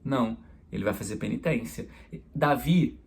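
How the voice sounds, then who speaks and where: A priest delivers a homily in a relaxed, conversational way, illustrating his points with everyday examples. His voice is slightly husky and breathy, set at an ordinary male pitch. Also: moderate pace.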